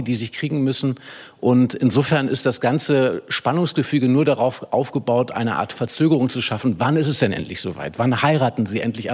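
A man discussing a classic novel on a radio panel, thoughtful and analytical. His voice is husky, and his pitch sits in the middle range. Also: a little mellow. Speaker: literary critic.

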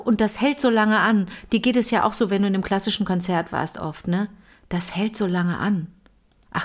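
A German-speaking woman co-hosting a casual chat, telling stories in a chatty, enthusiastic way. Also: mid-range voice. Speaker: podcast co-host.

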